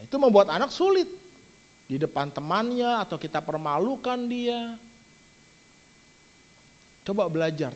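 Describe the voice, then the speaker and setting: High-voiced preaching man, lo-fi. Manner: lively preaching, often adds "saudara". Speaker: pastor. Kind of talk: sermon. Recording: dull lo-fi church stream.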